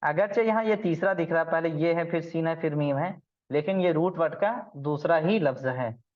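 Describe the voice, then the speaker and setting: A man's voice: on the high side, moderate pace, a little mellow, dull audio. Man teaching Arabic grammar online. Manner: patient, explains step by step and quizzes students. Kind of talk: online class lesson.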